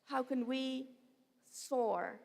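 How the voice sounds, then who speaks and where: A woman delivers a commencement address at a podium microphone, her voice slightly high with a gravelly edge. She speaks in a heartfelt, personal way and often strays from her script. Her words ring out with the long reverb of a large hall. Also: drawn-out words, a little mellow. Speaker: university president.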